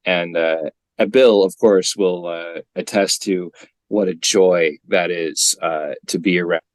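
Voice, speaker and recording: A man's voice: low-pitched, steady tone, measured pace, no room sound. A man co-hosting a podcast, rambling in casual chat with frequent laughs. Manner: rambling, laughs often, drops into gravelly impressions. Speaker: podcast co-host.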